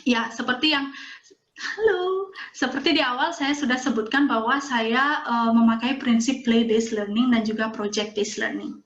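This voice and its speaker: A woman's voice: a little high, moderate pace, a bit bright. A woman giving a webinar talk on parenting, mixing English phrases into her speech and acting out little dialogues. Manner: acts out quoted dialogue. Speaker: webinar speaker. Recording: roomy, muffled online call audio.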